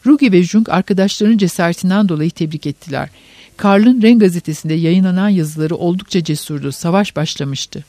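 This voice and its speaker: High-voiced male audiobook narrator. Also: a little fast, dark tone, dry recording.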